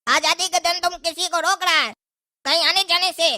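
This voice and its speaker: A very high, bright-toned cartoon man, brash and boastful, played by a woman. He scolds and brags in a cocky, bossy way. The recording is close and dry, with no room sound. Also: fairly even intonation, moderate pace, no echo, heavily acted. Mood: defiant. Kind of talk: cartoon comedy voice acting.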